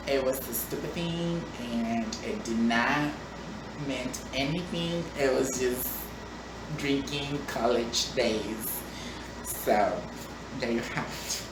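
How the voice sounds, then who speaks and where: Woman vlogging q&a, deep voice, chatty, echoey room, mic far off, background hiss. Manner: chatty, playful, with frequent ums and restarts. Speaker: vlogger answering viewer questions. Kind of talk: casual Q&A vlog.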